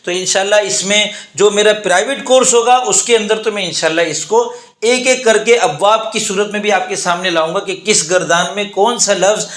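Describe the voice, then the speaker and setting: Guy teaching arabic grammar, pretty high voice, step by step, echoey room. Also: a bit bright. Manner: methodical, repeats example words slowly. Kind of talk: explanatory lesson.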